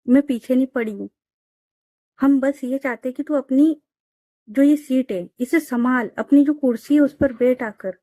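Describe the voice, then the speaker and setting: A woman's voice: high-pitched, a little slow, dark tone, no room sound, clean studio sound. A woman voicing a young woman, a stubborn elder sister who scolds her sibling in a spoken audio story. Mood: scolding. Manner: blunt, scolding.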